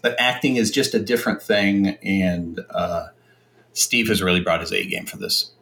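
A man's voice: low voice, moderate pace, pushed and bright. A man talking as a podcast guest in casual chat, rambling with many fillers.

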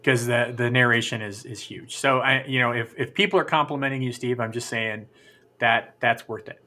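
A man's voice: mid-range voice, normal speed. A man hosting a podcast in casual chat, telling stories with frequent restarts. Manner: animated storyteller, frequent restarts. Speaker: podcast host.

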